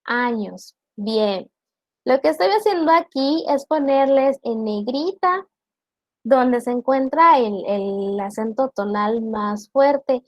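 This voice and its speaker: A woman teacher giving an online class, explaining slowly and deliberately and asking her students questions. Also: sits high, animated, no echo, highs cut off.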